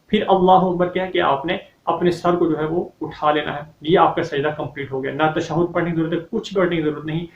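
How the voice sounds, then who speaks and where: A man teaching a tajweed lesson, explaining pronunciation patiently, often checking in with "okay?", and reciting verses slowly and louder. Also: on the high side, fairly even intonation. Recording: echoey, slightly dull recording.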